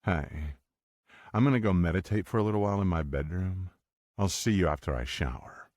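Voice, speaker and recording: A male narrator voicing a gentle, eager young man in an audiobook romance. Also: deep voice, brisk, dry recording, studio quality.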